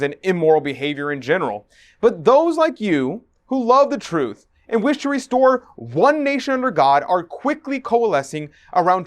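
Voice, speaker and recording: A man hosting and narrating in an earnest, preachy scripted manner. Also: high voice. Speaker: host.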